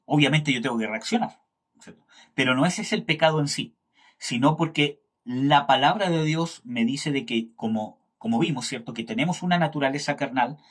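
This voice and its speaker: A man teaches a Bible class in a husky, slightly breathy voice. His pitch sits in an ordinary middle range. He keeps checking in with his listeners and stops aloud to search for the right word. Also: moderate pace.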